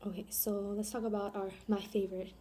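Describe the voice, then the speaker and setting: A woman's voice: mid-range voice, little pitch movement, fast talker, dark tone, slight background noise. A young woman raised in Chicago, with an American accent, giving an earnest class presentation on grammar with frequent ums. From born in South Korea, raised in Chicago. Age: young adult. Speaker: student presenter.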